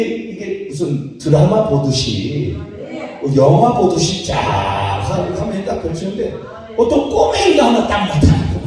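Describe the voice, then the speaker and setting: A pastor telling a testimony in a sermon, dramatic and animated, now and then breaking into song or shouting. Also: male voice, sits high. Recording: echoey hall from far off.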